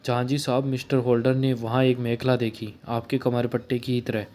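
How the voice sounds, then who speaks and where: Man reading a comic aloud, flat and mellow. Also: mid-range voice, normal speed. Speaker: comic book reader. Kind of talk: reading a comic aloud, voicing all characters.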